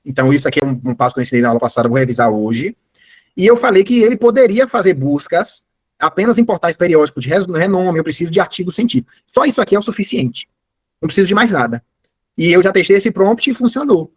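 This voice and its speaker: A man's voice: high-pitched, animated, fast, slightly rough, no room sound. A man giving a live online class, explaining step by step and often correcting himself mid-sentence. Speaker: course instructor.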